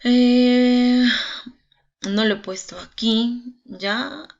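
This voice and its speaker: A woman's voice: fairly high pitch, fairly even intonation, extremely slow, gravelly, a little mellow. A woman teacher giving an online class, chatty and full of fillers and tag questions, a little nervous. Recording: dull lo-fi online class audio.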